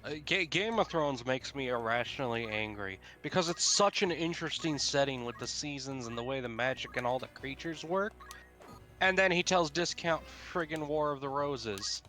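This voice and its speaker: A man co-hosting a game stream, chatting casually and going off on animated rants. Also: mid-range voice, moderate pace, faint music behind. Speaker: co-host. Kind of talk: casual chat.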